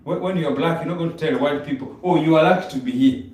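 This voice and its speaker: A man co-hosting a live stream chats casually and fast in a mellow, dark voice pitched on the high side, rambling, repeating words, and using non-native grammar. The mic sits far away in a very echoey room, with faint noise in the background.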